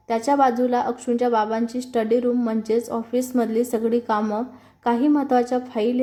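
Woman storyteller, scripted narration, calm and steady, mellow tone, higher voice.

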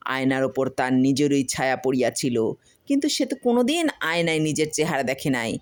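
In a low voice, a woman narrates a funny folk tale from a script, giving it an expressive, literary storytelling touch.

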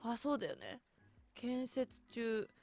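A woman's voice: on the high side, huge pitch swings, slow pace, creaky, a little mellow, faint music behind. A voice actress giving chatty, casual commentary as she tours a game world and keeps exclaiming in delight.

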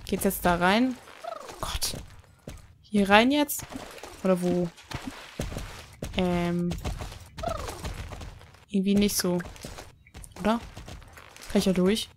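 A young woman with a medium-pitched voice plays a horse-riding video game for a Let's Play, offering casual commentary. She speaks slowly with frequent pauses, reads quest text aloud, and grumbles when she gets lost. There's a little hiss or hum in the audio.

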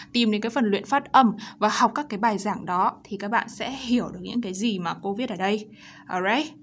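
A woman teacher with a Vietnamese accent explaining pronunciation and reading model sentences slowly and clearly. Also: mid-range voice. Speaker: English teacher. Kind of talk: pronunciation lesson. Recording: dull lo-fi recording.

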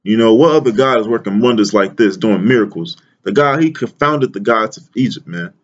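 A man reading Bible verses aloud and explaining them in a casual, slangy, excited way, often repeating words and calling the listener "man". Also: on the low side, brisk, muffled recording. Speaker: bible teacher. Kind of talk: casual scripture reading and commentary.

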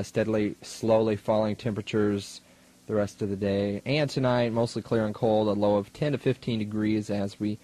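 A young American man, lowish and dark in tone, DJs for student radio, casually and wryly announcing music and chatting. It's from a 1980s college radio aircheck tape made in the studio.

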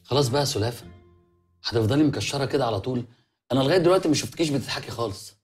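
An actor playing a gullible, easily fooled groom in a comedy series, sounding bewildered and lively. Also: male voice, mid-range voice, very fast, faint music behind, natural voice. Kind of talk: TV comedy drama acting.

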